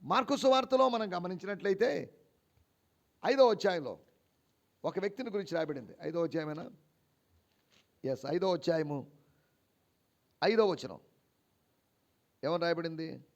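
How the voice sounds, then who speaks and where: High, gravelly-voiced preaching man. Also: moderate pace, pauses often, lo-fi sound. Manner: animated preaching, many rhetorical questions to the congregation; swings between low quiet asides and raised emphatic declarations. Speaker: pastor. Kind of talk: sermon. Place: church service.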